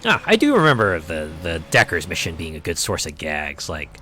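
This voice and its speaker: A man streaming a racing game, chatting casually and rambling through animated stories, now and then slipping into quick put-on voices for quotes. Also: sits low, a little hiss or hum. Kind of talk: casual chat while gaming.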